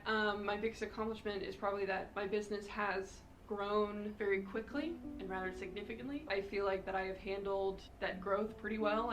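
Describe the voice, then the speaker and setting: A young woman from Texas gives candid, reflective interview answers about her work as an illustrator. Her voice sits at a middle pitch, with music playing underneath. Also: rough recording. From Houston, Texas. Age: 20s. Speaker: freelance illustrator.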